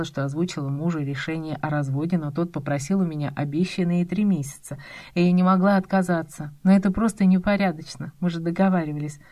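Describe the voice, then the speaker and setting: A young adult woman giving expressive, confiding first-person audiobook narration with a lightly sarcastic edge. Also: fairly low pitch.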